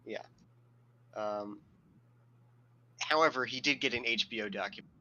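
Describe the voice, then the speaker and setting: A man with a bright, forceful voice in casual podcast chat. He reads quotes aloud and adds sardonic asides, laughing often, with a faint hiss behind him. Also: mid-range voice, normal speed, muffled recording. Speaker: podcast co-host.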